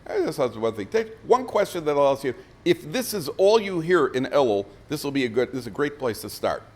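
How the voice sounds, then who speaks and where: Animated, joking middle-aged male rabbi. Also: mid-range voice. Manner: joking, facetious, with frequent restarts and asides. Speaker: guest speaker rabbi. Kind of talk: humorous Torah talk to a live audience. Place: breakfast event room.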